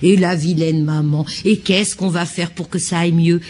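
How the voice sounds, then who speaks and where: A husky-voiced woman voicing a tender mother who soothes a sad baby in singsong baby talk. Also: fairly low pitch, steady tone, rapid-fire, a little mellow, slight background noise, close to an everyday voice. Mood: cooing.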